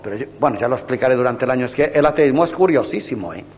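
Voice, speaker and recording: A man's voice: mid-range voice, lively intonation, very fast, big-room sound. An older man, a priest, giving a classroom lecture on theology, asking his listeners rhetorical questions and acting out quoted exchanges.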